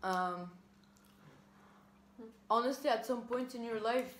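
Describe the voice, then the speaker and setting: Slow-talking young woman in an echoey room. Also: a little high. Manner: giggly, informal. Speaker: vlogger answering questions. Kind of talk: casual mukbang chat. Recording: echoey room with faint noise.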